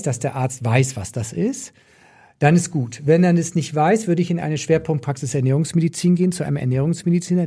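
A man's voice: a little high, warm tone. A man explaining as an expert in podcast conversation, emphatic and opinionated, repeating points for stress. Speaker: nutrition doctor, podcast expert.

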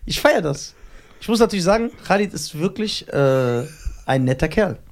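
Teasing man, slightly high voice. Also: expressive, normal speed. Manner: teasing, laughs often, rambling. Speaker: podcast co-host. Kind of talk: casual podcast chat.

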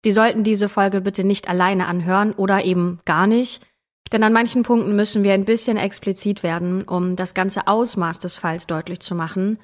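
A woman's voice: medium pitch, steady tone, normal speed. A woman co-hosting a true crime podcast, telling the story dramatically and giving careful content warnings. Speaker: podcast co-host.

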